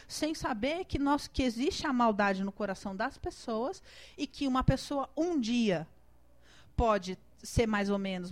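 A high-pitched woman with a Brazilian Portuguese accent gives a sermon woven with personal testimony. She talks conversationally and with feeling, acting out her own prayers as she goes. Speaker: preacher.

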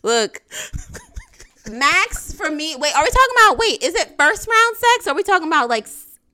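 A woman's voice: very high voice, sing-song, normal speed, bright, forceful tone. A woman in her thirties co-hosting a podcast, talking bluntly and profanely in casual chat. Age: 30s. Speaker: podcast co-host.

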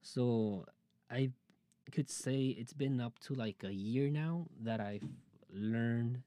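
Slow and mellow, with a mid-range voice, a podcast host in his late twenties talks openly about his own life in a casual solo monologue, drifting along with plenty of fillers and false starts.

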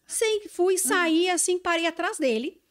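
A woman's voice: very high voice, a little slow. A woman, a TV journalist telling a story in a casual podcast chat and acting out the dialogue. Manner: animated storyteller who acts out quoted dialogue.

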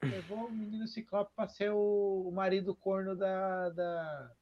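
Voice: medium pitch, steady tone, unhurried, a little hiss or hum. A speaker with a Brazilian Portuguese accent chats casually about movies. The tone is sarcastic and joking, with frequent exclamatory asides. The recording sounds slightly dull and muffled.

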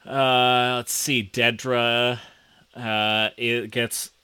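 Slow, halting man with a bright voice. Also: mid-range voice, flat delivery, clean tone, dry recording. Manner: slow, hesitant, many fillers. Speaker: podcast co-host. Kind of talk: casual chat reviewing a TV episode.

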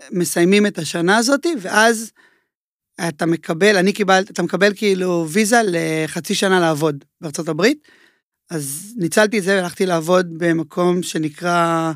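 A high-pitched man from Israel is a chef guest in a casual interview, telling his stories in an animated way with plenty of filler words. The recording is dry and of studio quality.

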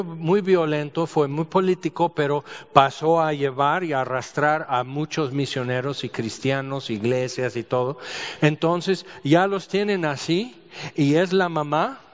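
A man preaching a sermon, telling stories and asking rhetorical questions. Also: on the high side. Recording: dull audio with long hall reverb.

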